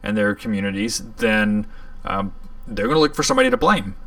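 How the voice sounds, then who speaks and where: A man co-hosting a podcast, talking politics in a casual, conversational way with lots of fillers and sudden animated rises in pitch. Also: fairly quick, dry recording, recorded from a distance. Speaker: podcast co-host.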